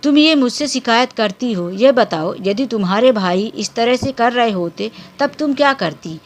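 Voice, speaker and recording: A woman voicing a man who calmly questions his wife's complaint in a told story. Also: fairly high pitch, normal speed, natural voice. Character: calm reasoning older brother-in-law.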